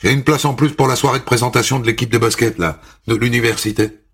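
A man's voice: mid-range voice, steady tone, quick pace, husky, close to an everyday voice. Man doing a stammering friendly neighbor. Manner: stammering, casual invitation. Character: friendly young male neighbor, hesitant.

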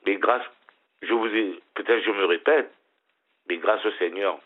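A man's voice: fairly low pitch, measured pace. Smiling middle-aged man on a phone line. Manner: hesitant, repeats and restarts words. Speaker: caller. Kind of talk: casual phone-in chat. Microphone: telephone.

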